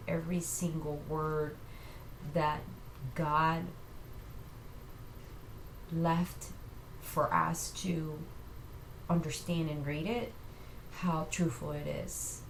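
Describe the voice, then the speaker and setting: A woman giving an earnest, halting personal faith testimony to camera, tearful and sounding like she has just been crying. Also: deep voice, level tone, creaky. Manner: earnest, halting, reassuring listeners. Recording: echoey room with faint noise.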